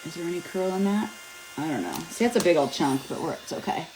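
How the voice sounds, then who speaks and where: A woman's voice: fairly low pitch, big pitch swings, quick pace, background noise. A middle-aged woman chatting casually through a hair tutorial at home, rambling and joking at her own expense. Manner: chatty, self-deprecating, rambling with fillers. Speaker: beauty vlogger. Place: home, at a mirror.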